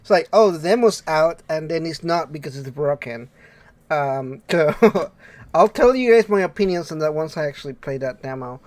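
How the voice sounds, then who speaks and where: A man hosting a casual gaming podcast, excitable and rambling, laughing often. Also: fairly high pitch, moderate pace, no room sound. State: under the weather. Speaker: podcast host.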